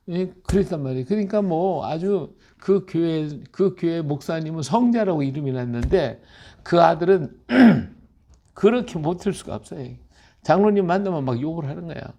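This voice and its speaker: A male pastor preaches in an easy, conversational way and leans into his stories with emphasis. His voice sits somewhat high for a man and has a strong gravelly fry. He keeps pausing to ask his listeners whether they follow. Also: a little mellow. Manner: emphatic, storytelling, asks listeners "right?". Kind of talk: conversational Bible-reading sermon.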